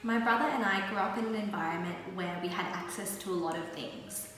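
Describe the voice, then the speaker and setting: A young woman from Australia giving a scripted voice-over in an even, earnest read. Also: medium pitch, brisk. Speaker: founder's daughter. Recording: long hall reverb with music.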